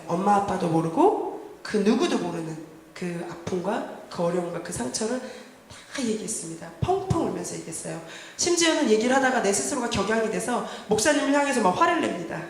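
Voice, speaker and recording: A woman worship leader giving a personal testimony in a church service, telling her story earnestly and often dropping to softer tones. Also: mid-range voice. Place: church sanctuary during a Wednesday service. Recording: echoey church hall, faint background noise.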